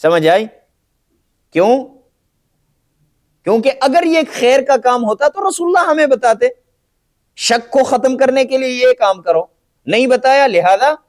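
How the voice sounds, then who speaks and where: A man teaching a lesson on Islamic jurisprudence, who poses rhetorical questions, answers them himself, and keeps checking that his students have understood. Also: extremely high pitch. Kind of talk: classroom lecture on Islamic jurisprudence.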